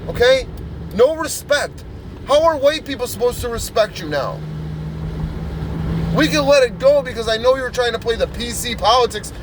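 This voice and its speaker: Man with a fairly high voice in a confrontational vlog rant; loud outdoor traffic behind. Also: poor audio. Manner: confrontational, profane, ranting.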